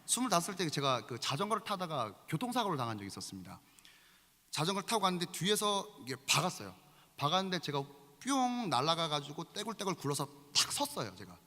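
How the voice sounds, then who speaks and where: Lively, bright-voiced preaching man. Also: on the high side, quick pace. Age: 40s. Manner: lively, conversational preaching with frequent appeals to the congregation. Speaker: pastor. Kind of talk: sermon. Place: large church sanctuary. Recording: long reverb of a large hall.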